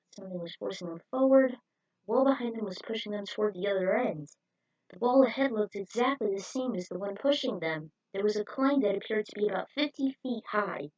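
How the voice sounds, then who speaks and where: Reading an adventure story aloud, this woman is an amateur podfic narrator working from a script on a lo-fi home setup. Her mid-range voice has a darkish tone, with no room sound.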